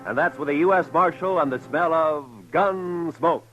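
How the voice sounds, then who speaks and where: A male radio announcer giving a solemn, deliberate show opening. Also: on the high side. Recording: dull old radio recording with music.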